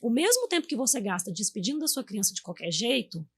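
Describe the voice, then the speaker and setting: Brazilian woman in her thirties, husky tone, chatty storyteller voicing her own quotes. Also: a little high, very animated, fast talker. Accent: Brazilian Portuguese. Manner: warm storytelling, acts out quotes to her kids. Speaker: guest. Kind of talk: casual chat.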